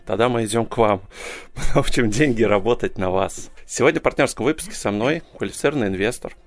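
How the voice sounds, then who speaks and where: Lower-voiced male podcast host. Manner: upbeat, jokey introductions. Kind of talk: podcast interview.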